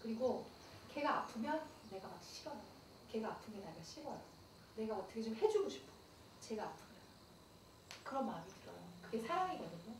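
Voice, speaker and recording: Animated middle-aged woman lecturing in an echoey hall. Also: a little high, a little fast. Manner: animated, playful and confiding. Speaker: pastor's wife giving a camp lecture. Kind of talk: church camp lecture on dating. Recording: echoey hall, far mic, noisy.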